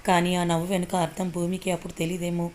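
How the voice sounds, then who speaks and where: Woman storyteller, low and level delivery, steady audiobook narration. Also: fast, a little hiss or hum.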